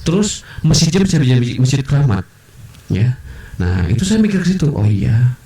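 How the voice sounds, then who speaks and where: A man as a podcast guest, telling personal stories in an animated way and acting out the voices of others. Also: medium pitch, normal speed. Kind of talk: personal storytelling in a podcast interview. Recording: roomy, distant mic.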